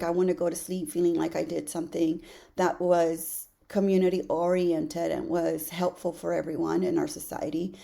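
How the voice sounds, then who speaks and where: A woman in her late forties talks straight to her podcast listeners in a mellow, rather low voice. She sounds earnest and encouraging, with a loose, chatty flow full of "you know" and repeated words. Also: creaky. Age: 40s. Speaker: podcast host. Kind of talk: casual solo podcast talk.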